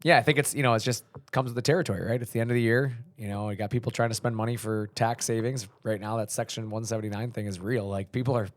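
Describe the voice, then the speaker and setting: Fast-talking low-voiced podcast host man. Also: no echo. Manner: relaxed, rambling, frequent fillers and laughs. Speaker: podcast host, company leader. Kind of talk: casual business podcast chat.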